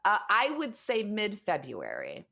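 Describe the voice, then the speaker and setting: A woman's voice: mid-range voice, huge pitch swings, unhurried, vocal fry, sharp tone. A woman co-hosting a podcast, chatting casually in a forthright way and swearing freely. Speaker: podcast co-host, mortgage lender.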